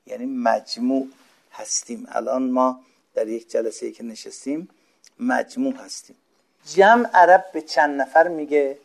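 A man with a gravelly, creaky voice, pitched in the middle, teaching a religious lesson. He explains each word step by step and poses questions to his listeners, which he then answers himself. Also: fairly even intonation. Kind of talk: religious lecture explaining Arabic words.

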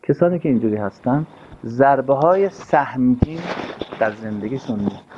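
A man's voice: medium pitch, lively intonation, background noise. A man giving an earnest, sermon-style talk, stressing his points and repeating key phrases. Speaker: religious speaker. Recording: dull lo-fi recording.

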